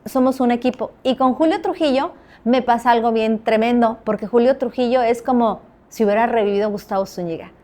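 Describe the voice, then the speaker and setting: A woman's voice: on the high side, fairly quick. A woman journalist with a Mexican accent, a guest in an interview, telling her stories with animation and acting out the dialogue. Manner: animated storyteller, acts out quoted dialogue. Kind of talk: anecdotal interview talk.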